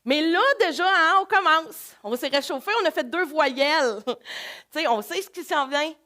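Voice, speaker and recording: A woman with a Québécois accent, leading a live laughter workshop in an energetic, coaxing way. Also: sits high, moderate pace. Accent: Québécois French. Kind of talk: live workshop talk to an audience.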